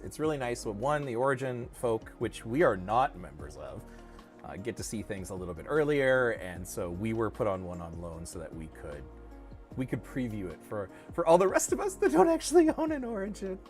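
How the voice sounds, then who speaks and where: Rambling, lively middle-aged male co-host. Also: lowish voice, normal speed, soft background music. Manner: rambling, self-correcting, jokey. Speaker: co-host of a crypto dev livestream. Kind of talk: casual livestream chat.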